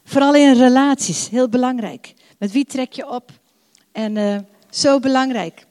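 An older woman preaching a sermon, warm and emphatic, repeating phrases and drawing out her prayers. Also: high voice, measured pace. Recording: long hall reverb.

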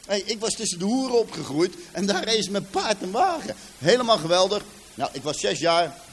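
A man's voice: sits high, lively intonation, brisk, slightly rough. A man from Rotterdam with a Rotterdam accent, giving a personal testimony to a live audience and acting out the dialogue as he tells it. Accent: Rotterdam Dutch. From Rotterdam, Netherlands. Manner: vivid storyteller who acts out dialogue and addresses the audience directly. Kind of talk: personal life story told to a live audience. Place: in front of a seated audience.

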